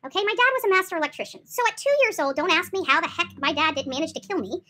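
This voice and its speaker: Racing along in a very high, expressive voice with a sharp tone, a woman in her 40s vlogs from a small room, animatedly telling stories to the camera. She hammers her points, says things more than once, and keeps checking in with "right?" and "okay?"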